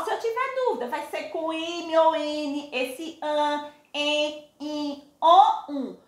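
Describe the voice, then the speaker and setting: A woman teacher with a Brazilian Portuguese accent, leading a recorded class for young children in a slow, sing-song, drawn-out way. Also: sits high, fairly bright tone. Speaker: primary school teacher. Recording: echoey room.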